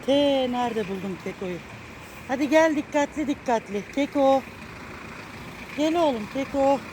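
A woman with a somewhat high voice coaxes and gently scolds her cat as she walks outdoors. It is filmed on a handheld phone in the street, with loud traffic and outdoor noise behind her. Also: expressive, unhurried. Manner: coaxing, scolding a pet fondly. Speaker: cat owner filming her found cat. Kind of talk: casual walking vlog. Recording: noisy outdoor street recording.

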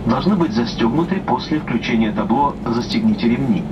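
A man formally reads a scripted flight safety demo announcement in a measured manner. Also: medium pitch, expressive. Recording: muffled distant cabin speaker, loud aircraft noise. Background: loud aircraft cabin noise.

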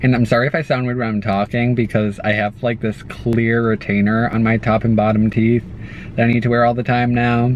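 A man's voice: mid-range voice, level tone, fairly quick, dull audio, slight background noise. Young man talking with a retainer lisp. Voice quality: slight lisp. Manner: upbeat, chatty with many fillers. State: wearing clear retainer. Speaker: vlogger. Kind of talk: casual vlog.

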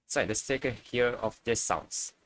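A man's voice: medium pitch, unhurried, background noise. A young man giving casual reaction commentary as a video host.

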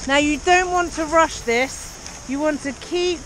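High-voiced cheery woman ski instructor calling out. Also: a little slow, a bit bright. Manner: cheery, encouraging. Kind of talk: live beginner lesson, coaching and explaining to camera. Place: outdoors on a busy ski slope. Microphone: action camera held or worn. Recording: noisy outdoor action-camera sound.

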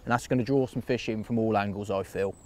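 A man from England, an angler, calmly talking through bait mixing and feeding his swim outdoors on a canal bank in a practical fishing how-to. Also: on the low side, fast. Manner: relaxed, practical, talks through each step. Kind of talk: instructional fishing demonstration.

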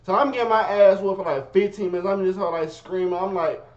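Animated man in a roomy bedroom. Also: fast talker. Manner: animated, swings from low mutters to high yelps; profane slangy street talk. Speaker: vlogger telling a story. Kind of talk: casual storytime. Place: his bedroom. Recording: roomy, dull lo-fi sound.

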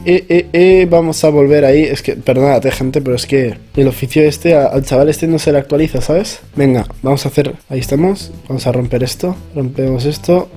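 A man's voice: mid-range voice, warm tone. A young man with a Spain Spanish accent, chatting casually as he plays and exclaims at the game. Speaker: gaming youtuber. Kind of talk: casual gameplay commentary.

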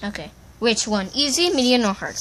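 Give me an excitable woman commentating a game, lively and teasing, with a faint hiss behind her. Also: fairly high pitch, a little fast. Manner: excitable, teasing, shrieks when startled. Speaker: gameplay commentator.

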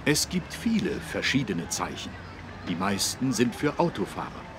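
Playing a kindly, careful policeman in an educational game, a man patiently and emphatically teaches children road safety in an instructive mood. His voice is on the low side with wildly swooping pitch, at a moderate pace, over background noise.

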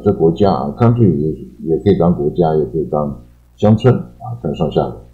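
Teaching English words in a laid-back lesson, a man with a Taiwanese Mandarin accent keeps repeating himself and drawing out his fillers. His warm voice sits low, and the sound is lo-fi.

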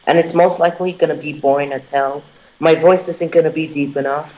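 A man's voice, on the high side, comes through brisk, steady and darkish on a low-quality recording. He is a gamer and channel editor giving casual gameplay commentary, trading sarcastic jabs over voice chat and panicking when his character is in danger.

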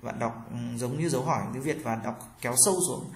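A man teaching a pronunciation lesson, drawing out model syllables slowly for learners to repeat. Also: mid-range voice, reverberant.

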